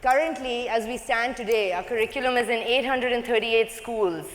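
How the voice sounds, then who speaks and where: A woman's voice: on the high side, normal speed. A woman in her thirties with a Pakistani accent gives an informal, conversational, self-deprecating convention speech as a non-profit founder. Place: large indoor convention hall, on stage. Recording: echoey hall PA with long reverb.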